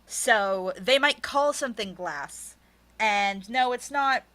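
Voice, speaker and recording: A woman author talking in a relaxed interview, her voice pitched a little high and ringing bright. She explains her choices eagerly and candidly, with plenty of energy. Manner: enthusiastic, candid, quick explanations. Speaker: novelist, interview guest. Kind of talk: casual conversational interview.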